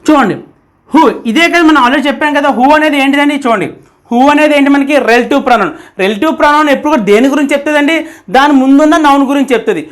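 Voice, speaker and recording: High-pitched teacher explaining grammar fast, asks the class questions and answers them, spells out examples slow. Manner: repeats key points, asks rhetorical questions; dictates English examples slowly word by word. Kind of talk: spoken grammar lesson.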